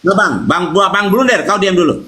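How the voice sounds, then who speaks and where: A man's voice: high voice, normal speed, sharp tone, echoey room, a little hiss or hum. A man teasing and interrupting others in a casual online debate chat.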